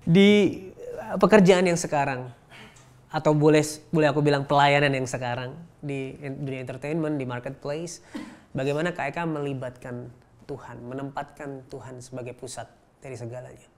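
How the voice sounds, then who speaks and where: A woman's voice: rumbling low, fairly even intonation, moderate pace, darkish tone. A woman hosting a faith interview, affirming and responsive, slipping in English phrases. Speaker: talk show host.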